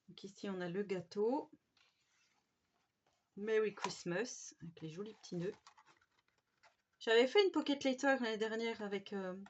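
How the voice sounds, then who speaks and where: A woman casually showing off craft supplies she bought, chatty and gushing, with many fillers. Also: medium pitch. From France. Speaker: craft vlogger. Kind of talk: casual haul show-and-tell. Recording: slightly dull home recording.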